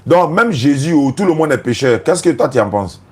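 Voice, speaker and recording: A man's voice: on the high side, lively intonation, a little fast, a little mellow, breathy edge. A man arguing in a heated interfaith debate, repeating mocking taunts at his opponent.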